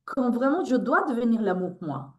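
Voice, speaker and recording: A woman with a Spanish accent, a resilience coach and therapist, speaks earnestly as a guest in an emotional interview, often restarting as she searches for words. Her voice is a little high and a little mellow, with big pitch swings at a normal speed.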